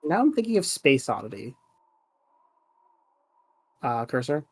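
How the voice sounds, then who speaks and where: A man's voice: mid-range voice, very animated, measured pace, vocal fry, slightly rough. A man doing casual Let's Play commentary with a flippant, wry way of talking.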